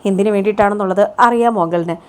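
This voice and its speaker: A woman's voice: mid-range voice, racing, darkish tone, smooth, close to an everyday voice. A woman voicing a scheming young woman who urgently confides a secret. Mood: conspiratorial. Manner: urgent, conspiratorial.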